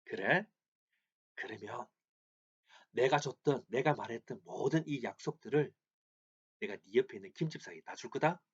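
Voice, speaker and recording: Sly, hushed male Satan played by a preaching man, low and coaxing; lo-fi sermon recording. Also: expressive, moderate pace, long pauses. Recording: slightly dull lo-fi recording.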